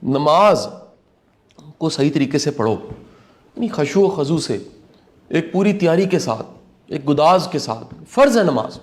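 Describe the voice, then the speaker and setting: A man's voice: a little high, animated, long pauses, a little mellow. A man giving earnest, preachy commentary on a talk show.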